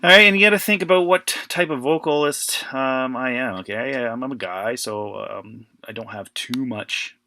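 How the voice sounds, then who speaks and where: A man teaching an informal audio editing lesson, thinking aloud in a relaxed way. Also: mid-range voice, normal speed, hardly any pauses. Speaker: music teacher. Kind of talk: casual screen-recorded audio editing tutorial.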